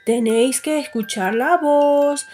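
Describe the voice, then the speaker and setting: A woman tells a children's fairy tale in a high, bright voice. She takes her time over every line, pausing gently as she goes. Faint music plays behind her. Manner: slow, gentle, childlike voicing of characters. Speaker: storyteller reading to children. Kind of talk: storytelling for children.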